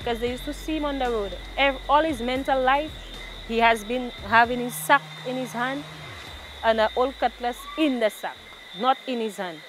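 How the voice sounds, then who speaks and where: A woman's voice: fairly high pitch, normal speed, background noise. Insistent woman over music. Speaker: victim's sibling. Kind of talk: interview testimony.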